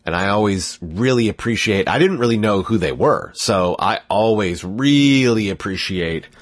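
Congested with a cold, a male podcast host talks in a lowish, animated voice at a normal speed, recorded with studio quality and no echo. He rambles casually, cuts himself off mid-thought, and laughs at himself.

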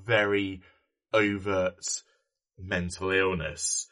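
Man, podcast co-host, lowish pitch, bright tone, rambling. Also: flat delivery, very slow. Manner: rambling, many ums and restarts. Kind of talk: casual film chat.

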